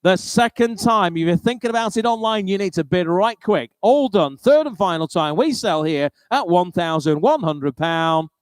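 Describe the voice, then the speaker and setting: A British man with a fairly high, very clear voice works as an auctioneer. He rolls through lots and repeated bid figures in a practised calling style, slipping in chatty, wry remarks. The sound is close and dry. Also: expressive, normal speed, few pauses, no echo. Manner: informal, chatty, wry asides between bids. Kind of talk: live auctioneering, rolling bid-calling chant with repeated prices.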